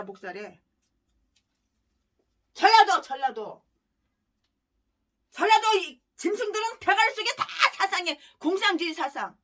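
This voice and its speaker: Shrill, vehement woman pastor ranting. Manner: vehement, ranting, heavy name-calling, bursts of shouting. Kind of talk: fiery denunciatory sermon.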